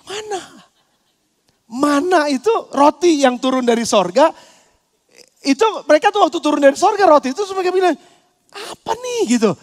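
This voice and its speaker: A man pastor preaching a sermon, animated and acting out quoted voices, at times breaking into shouts. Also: extremely high pitch. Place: church hall. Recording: long church hall reverb.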